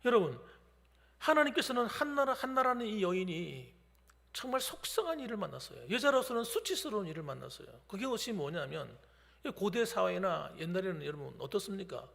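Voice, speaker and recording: A middle-aged male pastor preaches with a high, gravelly voice that swoops up and down as he tells the story. His sermon rings through a church sanctuary with a long reverb trailing each phrase. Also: big pitch swings, fairly quick, fairly bright tone.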